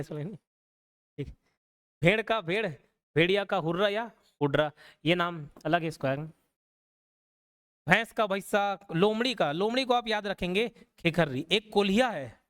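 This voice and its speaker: High-voiced man teaching an online class. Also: a bit bright, smooth. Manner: casual explanatory, checks in with frequent "okay?". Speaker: online exam-prep teacher. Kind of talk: live online class lecture.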